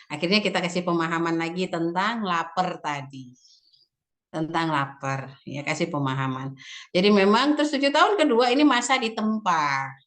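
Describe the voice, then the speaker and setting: A woman religious teacher at a parents' seminar, telling lively stories about her children, quoting them and often laughing as she talks. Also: mid-range voice. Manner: often laughs while talking.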